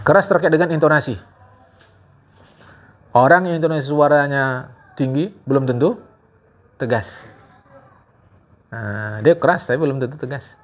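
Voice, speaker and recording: A male religious teacher, giving a study-circle sermon and quizzing listeners with rhetorical questions. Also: medium pitch. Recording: dull lo-fi recording.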